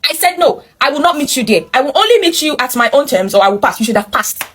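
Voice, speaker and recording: She's very animated and fast, her high-pitched, fairly bright voice recorded with a little hiss or hum, and she has a Nigerian accent. As host, she reads out a viewer's story and reacts to it emphatically. Opinionated comments aimed at listeners keep breaking into the narration.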